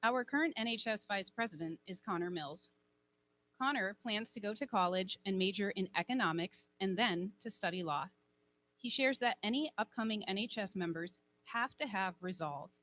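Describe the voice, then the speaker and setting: A woman's voice: mid-range voice, a bit bright, a little hiss or hum. A woman advisor reading student officer bios formally from a lectern microphone at a school ceremony. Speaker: honor society advisor. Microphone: speaking at a lectern microphone.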